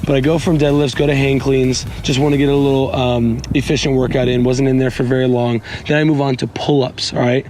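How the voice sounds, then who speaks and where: A man with a hoarse, raspy, lost voice giving a casual, instructional fitness voiceover as a coach, chatting informally to his viewers. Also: level tone, a little fast, few pauses, background noise. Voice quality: raspy, strained, squeaky breaks. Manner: informal, addresses viewers as guys, repeats instructions. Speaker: fitness coach hosting a workout show.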